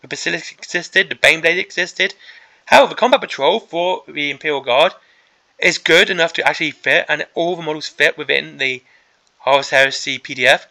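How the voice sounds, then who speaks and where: A male hobby host talks off the cuff in a somewhat high, sharp-edged voice that is beginning to give out. He rambles emphatically, circling back to repeat his points as he delivers an opinionated rant. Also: fairly quick, vocal fry, rough recording. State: voice starting to give out.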